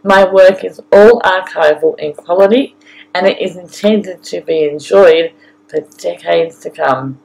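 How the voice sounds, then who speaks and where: Slow-paced Australian woman narrating, slightly creaky. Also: lowish voice, darkish tone, poor audio. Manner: deliberate, addressing the listener directly. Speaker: photographer and travel guide narrator. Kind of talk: scripted audio-guide narration.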